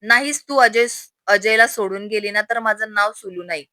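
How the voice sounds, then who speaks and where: Woman narrator voicing a sharp-tongued scheming aunt, bright and dry. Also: mid-range voice, moderate pace, no room sound, natural voice. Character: scheming older aunt, fond of her nephew.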